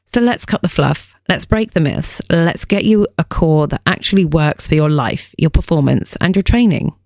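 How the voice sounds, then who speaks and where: A woman's voice: sits low, lively intonation, moderate pace, vocal fry, a little mellow, no room sound, clean studio sound. A woman fitness coach hosting a scripted podcast explainer, delivering punchy lines with playful joking asides.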